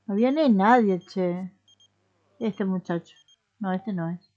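Speaking slowly with a dark tone, a young Rioplatense Spanish-speaking woman chats her way through a life simulation game, talking to the characters as she streams. Her medium-pitched voice comes through on dull audio.

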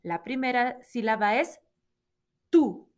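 Very slow, patient woman teacher. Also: mid-range voice, animated. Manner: slow, drawn-out syllables for children to repeat. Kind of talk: children's phonics lesson.

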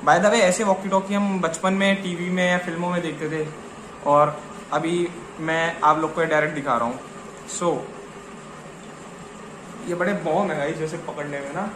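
This young man's voice sits on the high side, steady in tone at normal speed, and he pauses often. Vlogging informally in Hindi and English with plenty of slang and repetition, he talks to camera first in a small living room, then outside on open ground. The sound is echoey with clear background noise.

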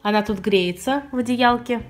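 Soft music plays behind a young woman whose voice is a little high and whose pace is normal. She is a pet vlogger at home, nursing a sore throat as she chats in detail about pet products she bought, apologizing now and then.

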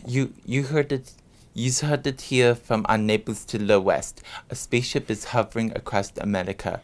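A man playing a halting, formal male news anchor reading a bulletin. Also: lowish voice, fairly even intonation, lightly acted. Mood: announcing. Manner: halting, formal newsreader delivery with restarts.

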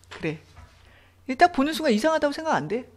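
A woman English teacher explaining reading passages and grammar step by step, asking her students questions as she goes. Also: high-pitched. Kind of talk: online English reading lesson.

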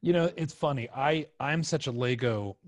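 A middle-aged man with a mid-range voice speaks at normal speed, close to a boom podcast mic with a headset and no room sound. He's hosting a casual conversational podcast interview indoors, in a small room with a couch.

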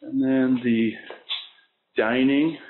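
A man's voice: mid-range voice, fairly even intonation, very slow. A man giving a walkthrough tour of a house and its grounds as a real estate agent, talking unhurriedly and plainly with many fillers. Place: walking through a house and its grounds. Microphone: handheld camera mic. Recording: thin phone-like sound with faint noise.

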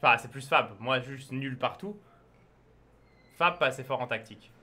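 A man's voice: medium pitch, normal speed, bright, forceful tone. A young man co-hosting a chess stream in casual, teasing chat, often repeating himself. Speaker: chess show co-host. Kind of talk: casual chat, interviewing and bantering.

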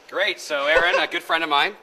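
A man's voice: on the high side, normal speed, bright, forceful tone. A man in his thirties reporting live from backstage, ad-libbing as a correspondent. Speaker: backstage pre-show correspondent. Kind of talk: ad-libbed live event reporting. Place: cluttered backstage storage room. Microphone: handheld mic. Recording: echoey backstage room.

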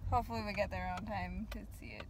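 A young woman vlogging to a handheld camera, chatty and excitable, laughing often. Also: medium pitch, fast talker. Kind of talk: casual vlog talk to camera. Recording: noisy outdoor and car recording.

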